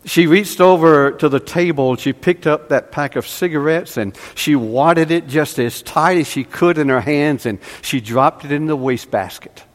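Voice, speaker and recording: A man preaching a sermon, telling a story slowly with dramatic pauses. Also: a little high. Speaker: pastor. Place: church sanctuary. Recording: long hall reverb.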